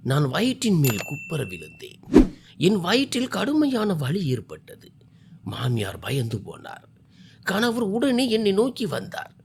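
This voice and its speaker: A man's voice: high-pitched, wildly swooping pitch, unhurried, creaky, slight background noise. A man narrating a first-person family drama story with an emotional, wide-swinging delivery.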